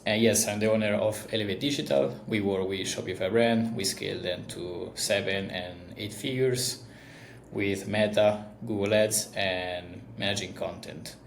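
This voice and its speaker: A man with a strong Italian accent talks in a low, easygoing voice, with plenty of fillers as he chats through an interview. His voice comes from an echoey room, with a faint hum of background noise. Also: moderate pace, vocal fry. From Italy. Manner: relaxed, chatty, with frequent fillers. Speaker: guest, agency founder. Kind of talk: casual interview conversation.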